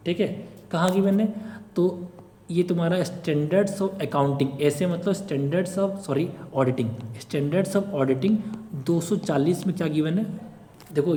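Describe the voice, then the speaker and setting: Explaining step by step through an informal screen-share lecture, a man preps students for a government exam, checking in often and using everyday examples. His fairly high voice has a dark tone, with a little hiss or hum and long reverb from an echoey room.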